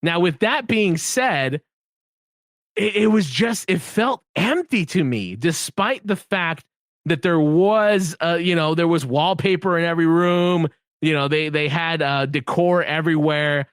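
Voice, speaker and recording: Young man, animated casual chat, higher pitch, close dry mic. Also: unhurried, dry recording. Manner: animated and emphatic, laughs often. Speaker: podcast guest.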